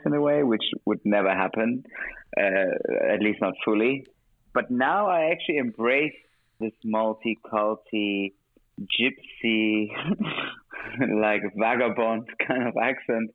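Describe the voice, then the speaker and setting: A man's voice: lowish voice, no room sound. A man from Germany with a German-tinged, mixed international accent, a guest talking openly in an interview and laughing often. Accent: German-tinged mixed international English. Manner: laughs often, relaxed and open. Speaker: guest, music director. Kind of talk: interview conversation. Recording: dry tinny phone-like line.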